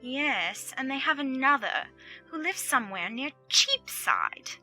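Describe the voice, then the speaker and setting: A woman playing a snobbish, gossipy young gentlewoman in a period audiobook drama, with haughty, exaggerated emphasis. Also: high-pitched, lively intonation, unhurried, soft background music, full character voice, low-quality recording. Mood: mock pity.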